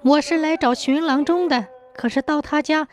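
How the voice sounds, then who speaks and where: A woman doing a high anxious young maiden. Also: normal speed, close to an everyday voice. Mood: worried. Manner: sighing, anxious. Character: worried young woman, gentle daughter.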